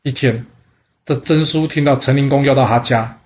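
A man hosting a storytelling podcast, telling history in a chatty, lively way. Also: mid-range voice, moderate pace, highs cut off, slight background noise. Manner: chatty, lively storyteller voicing characters in dialogue. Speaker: storyteller host.

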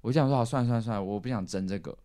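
A man's voice: medium pitch, rapid-fire, clean tone, no room sound, studio quality. A man, hosting a podcast and telling a family story casually, acting out what his relatives said. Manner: animated, acts out quoted relatives. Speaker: podcast host.

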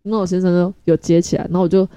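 A woman tells a casual podcast story, quick and chatty, often laughing and thinking out loud. Her voice sits low and very dark. It is recorded dry and close. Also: level tone, clean tone, dry recording. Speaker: podcast host.

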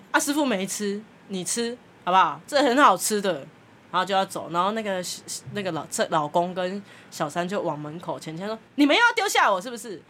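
A woman's voice: medium pitch, fairly bright tone, a little hiss or hum. A woman podcast host, telling a story in casual chat and acting out the people she quotes, with frequent laughter.

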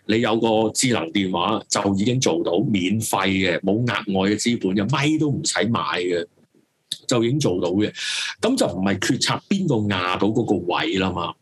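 A talk show host with a Hong Kong Cantonese accent runs a casual, opinionated live stream in a fairly low, husky voice. He's emphatic and rambling, looping back over his own phrases and swearing freely.

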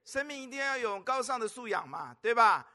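A male pastor preaching a lively sermon, exclaiming and telling stories. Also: very high-pitched, a little fast. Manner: animated, exclaiming, storytelling.

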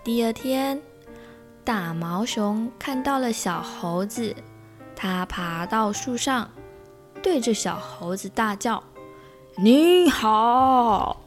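A woman reading a children's picture book aloud as a storyteller, with gentle, slow pacing. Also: medium pitch, soft background music.

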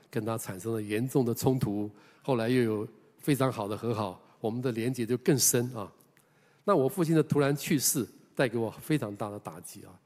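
An older man, a pastor with a Taiwanese Mandarin accent, telling a personal story in a sermon with a conversational manner, many hesitant fillers and drawn-out particles at phrase ends. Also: medium pitch, darkish tone, long reverb tail.

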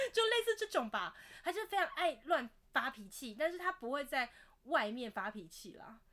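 A young woman chats on a podcast, animated and quick to laugh. Her voice is bright and fairly high. Her pitch jumps all over as she talks fast. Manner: animated, laughs while telling stories. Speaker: podcast co-host. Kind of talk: casual chat.

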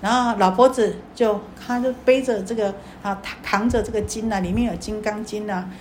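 A woman giving a Buddhist sermon, telling a story in a rambling way with many fillers and drawn-out sentence endings. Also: medium pitch, steady tone, slight background noise. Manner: repetitive, filler-heavy, drawn-out particles. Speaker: Buddhist dharma teacher.

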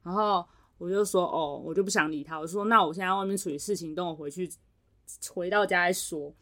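A woman's voice: on the low side, fairly quick. A young woman, co-hosting a podcast and telling a work story in casual chat, acting out what others said. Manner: animated retelling, acts out quoted voices. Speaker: podcast co-host.

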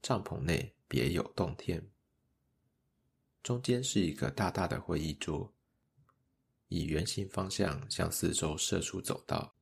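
A man narrating a children's story in a gentle, measured way. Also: low-pitched, creaky, husky.

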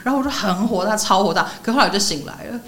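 Fast-talking lively young woman. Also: mid-range voice, slight background noise. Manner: animated storytelling, laughing often. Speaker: podcast co-host. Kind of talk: casual chat.

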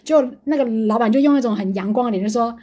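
A woman's voice: fairly high pitch, fast talker, warm tone. A young woman co-hosting a podcast, telling a story in a casual chat, swearing freely and acting out her own angry thoughts. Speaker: podcast co-host.

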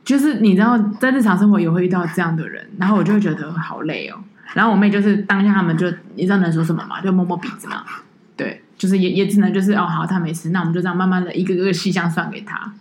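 Low-voiced, rapid woman co-host. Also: slight background noise. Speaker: podcast co-host. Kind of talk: casual chat.

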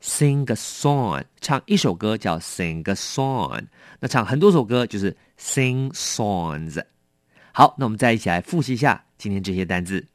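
Lively male English teacher, dry sound. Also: lowish voice, no room sound. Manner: explains words slowly, mixing Chinese and English. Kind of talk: bilingual vocabulary lesson.

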